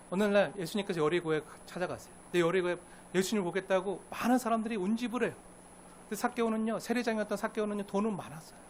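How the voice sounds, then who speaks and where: A male pastor preaching a sermon, asking the congregation questions and acting out quotes, with faint room noise behind. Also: high voice.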